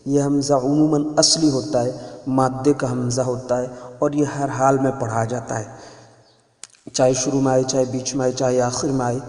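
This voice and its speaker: A man's voice: mid-range voice, mellow. A man giving a spoken grammar lesson as a teacher, patiently repeating key points for emphasis. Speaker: Arabic teacher. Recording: echoey room with long reverb.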